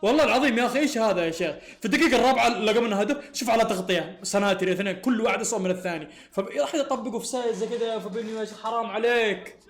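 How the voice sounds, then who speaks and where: Fast-talking man reacting to football. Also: high-pitched, roomy sound. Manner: excitable, exasperated, laughing often. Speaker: football fan reacting to a match. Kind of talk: live match reaction.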